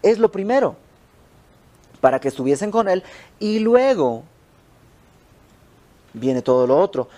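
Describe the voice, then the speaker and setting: A young man with a Mexican accent leading an informal Bible study in a house, teaching in a conversational way and acting out the stories. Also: medium pitch. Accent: Mexican Spanish. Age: young adult. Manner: conversational, animated storytelling with quoted dialogue. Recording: home recording with audio flaws.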